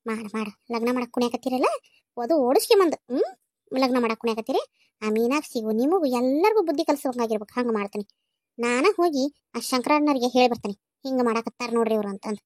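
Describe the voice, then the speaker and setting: A woman's voice: fairly high pitch, lively intonation, fast talker, no echo, natural voice. A woman with a North Karnataka Kannada accent voicing a scheming, resentful woman of a household who grumbles bitterly in a cartoon. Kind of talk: cartoon voice acting.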